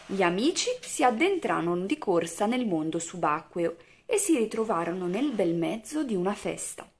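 A woman reading a picture book aloud to small children, her voice at a middle pitch for a woman. She works as a speech therapist and turns to the little listeners now and then. She brings each animal and child to life with quick, animated shifts of voice.

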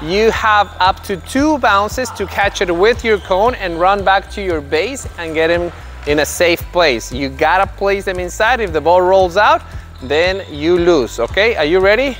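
A man's voice: sits high, unhurried, a bit bright, soft background music. Upbeat man coaching kids at tennis. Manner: upbeat and encouraging, calling out commands to children. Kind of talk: instructional video narration. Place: large indoor tennis court.

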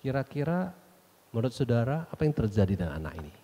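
Middle-aged male pastor, seminar Q&A host; warm, dark tone with an animated delivery, long hall reverb. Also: medium pitch, quick pace. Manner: reads out questions, addresses the audience directly. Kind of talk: church seminar question and answer. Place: church hall.

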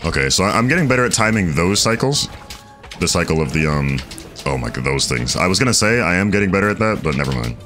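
Deep-voiced man chatting through gameplay. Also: sing-song, quick pace, faint music behind. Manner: chatty, reads chat aloud, thinks out loud. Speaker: streamer. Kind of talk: casual gameplay commentary.

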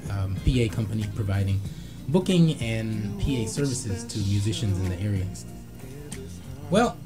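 A man hosting a casual radio talk show from a small studio, relaxed and halting, with many fillers. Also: mid-range voice. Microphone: studio mic with headphones. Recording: music playing in the background.

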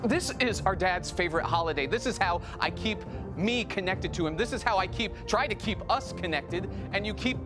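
An actor playing a brother who talks like a pirate and then pleads to stay close. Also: male voice, high voice, expressive, moderate pace, music in the background. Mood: hurt pleading. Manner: boisterous pirate talk, then hurt and pleading. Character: brother clinging to pirate-day tradition.

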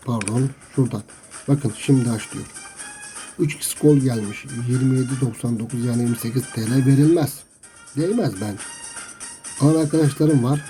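A man's voice: medium pitch, warm tone, rough recording. A man giving chatty gameplay commentary to his viewers, grumbling about the game and trash-talking his opponents. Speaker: mobile game streamer. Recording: music playing under the voice. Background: game music.

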